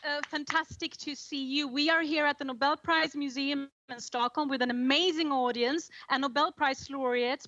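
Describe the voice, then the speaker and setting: A woman's voice: sits high, bright, forceful tone. A woman hosting a live event, addressing a guest over a slightly dull link. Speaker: event host. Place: museum event with audience.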